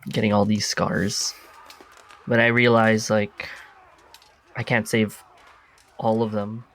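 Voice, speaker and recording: A man's voice: on the low side, level tone, slow pace, fairly bright tone, a little hiss or hum. A man playing a tabletop game, describing his character's actions in a rambling way. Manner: rambling, frequent "like". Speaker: player. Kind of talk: in-character narration.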